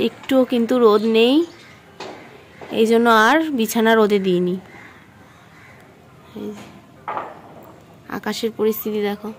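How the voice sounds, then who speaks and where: A young woman with a somewhat high voice and a West Bengal Bengali accent chats to viewers in a casual family vlog filmed indoors at home on a handheld phone, coaxing her child along. There's a little hiss or hum in the audio.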